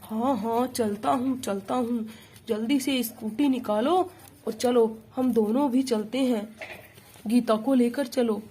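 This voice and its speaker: A woman voicing a calm, easygoing father doll in a doll play story, relaxed and reassuring. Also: on the high side, measured pace, breathy edge.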